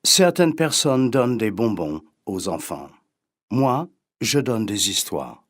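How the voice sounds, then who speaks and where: A woman voicing a gentle, reserved middle-aged Englishman who speaks with an English accent. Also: very deep voice, big pitch swings, voice pushed down, full character voice. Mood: kindly. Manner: soft, slow, kindly.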